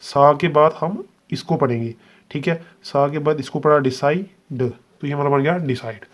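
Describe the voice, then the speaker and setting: A man teaching a shorthand lesson step by step, patiently spelling out each sound and checking understanding. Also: on the high side. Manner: patient, repeats "ठीक है" and spells sounds out slowly.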